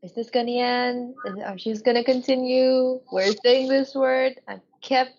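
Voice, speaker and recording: A woman's voice: on the high side, fairly even intonation, moderate pace, a little mellow. A woman taking part in an online quiz over a video call, hesitant and thinking aloud as she guesses. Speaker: quiz participant. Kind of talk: casual online quiz chat. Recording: dull lo-fi video call audio.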